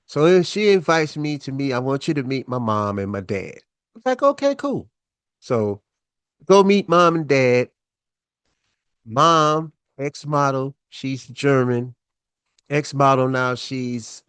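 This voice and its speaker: A man's voice: medium pitch, fairly bright tone, smooth, dry recording. A man hosting his own show, telling a personal story in a laid-back, chatty way with lots of fillers.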